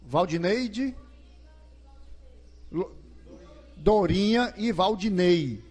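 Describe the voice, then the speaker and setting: Lively, high-voiced Brazilian preacher. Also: male voice, very slow, breathy edge. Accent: Brazilian Portuguese. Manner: asks the crowd questions and acts out scenes. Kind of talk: lively sermon. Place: large gymnasium.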